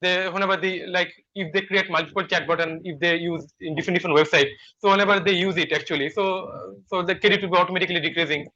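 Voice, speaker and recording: Developer type, high bright voice, halting with fillers, dull call audio. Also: male voice, steady tone. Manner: halting, many fillers and restarts. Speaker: software developer. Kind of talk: video call work meeting. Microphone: video call.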